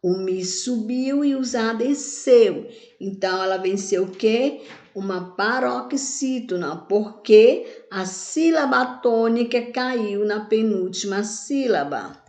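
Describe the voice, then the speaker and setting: Slow-paced woman teaching grammar. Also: on the high side, expressive, darkish tone. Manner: stretches out words syllable by syllable, asks and answers herself. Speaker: Portuguese teacher. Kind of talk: grammar lesson. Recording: echoey room.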